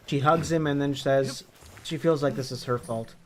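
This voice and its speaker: A hoarse man reading a story aloud in a plain, steady narrating voice. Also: mid-range voice, moderate pace, a little hiss or hum. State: hoarse from illness.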